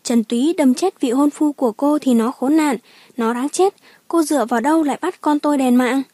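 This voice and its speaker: A woman's voice: sits high, fairly quick, no room sound, lightly acted. A woman voicing a furious cursing man in his thirties. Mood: enraged. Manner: shouting, cursing.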